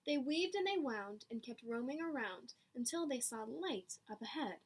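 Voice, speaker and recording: A husky, high-voiced woman reads a picture book to children at a moderate pace with lively intonation. It's expressive storytelling, marked by dramatic emphasis and asides in a teacher's manner.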